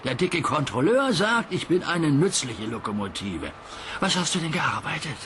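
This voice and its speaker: A man's voice: a little high, sing-song, moderate pace, background noise. A man voicing a kindly, content old traction engine in a children's storybook show.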